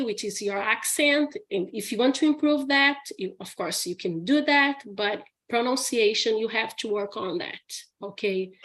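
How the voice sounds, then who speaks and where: During a live question-and-answer session, a teacher who is a native Portuguese speaker from Brazil responds to viewers in accented English. Her pitch is ordinary and her pace relaxed and slow; she's chatty, laughs a lot, and keeps asking "okay?".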